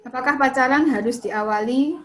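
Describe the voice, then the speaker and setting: A woman's voice: high voice, moderate pace, a bit bright. A woman speaking at a church fellowship in a chatty advice talk, often asking questions and answering them herself. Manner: chatty, often ends points with "kayak gitu" and "gitu ya"; asks the listeners questions and then answers them. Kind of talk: casual advice talk on dating and marriage.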